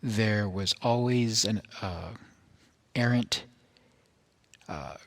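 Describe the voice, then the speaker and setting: A man with a low but bright, forceful voice presents a recording. He speaks very slowly and carefully, breaking his explanation into short, halting phrases. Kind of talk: informal explanatory monologue.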